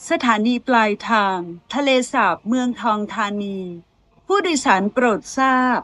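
A woman delivers recorded train announcements in a high, clear voice. She speaks slowly and politely, with each phrase evenly spaced. The sound is dry and close, with no room echo. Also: lively intonation, a bit bright. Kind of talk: formal bilingual transit announcement.

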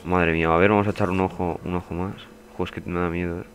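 A man's voice: sits low, flat delivery, fast talker, slight background noise. A young man giving casual, swearing let's play commentary as a gaming youtuber. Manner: swearing, chatty, bursts into panicked yelling.

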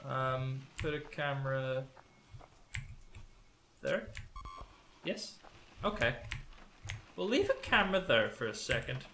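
A young Scottish man commentates on a game in a bright, forceful voice. He swears freely and sounds jumpy and nervous. The room adds some echo, with faint noise behind him. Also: mid-range voice, lively intonation, slow pace, long pauses. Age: young adult. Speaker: gamer host. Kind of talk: gameplay commentary.

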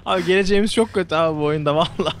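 A man's voice: on the high side, very fast. A young man in casual chat over a video game, joking around and laughing often. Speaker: gameplay commentator.

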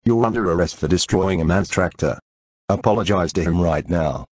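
A man's voice: deep voice, normal speed, darkish tone, slightly rough, no room sound. A man voicing a stern cartoon police officer who speaks in an official manner.

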